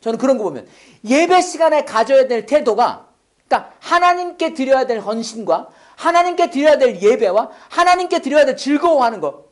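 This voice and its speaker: Animated, expressive male preacher. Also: extremely high pitch, fairly quick. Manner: animated, acts out quotes and shouts for effect; drops to a quiet, near-whispered tone at times. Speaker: pastor. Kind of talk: sermon.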